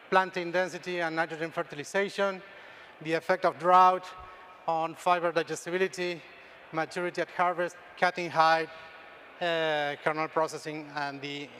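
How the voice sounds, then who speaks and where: A man's voice: high-pitched, a bit bright, clean tone. A middle-aged man from Argentina with an Argentine Spanish accent, presenting research slides at a conference, often restarting words and checking in with "okay?". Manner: frequent restarts and tag "okay?". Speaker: extension dairy scientist, presenter.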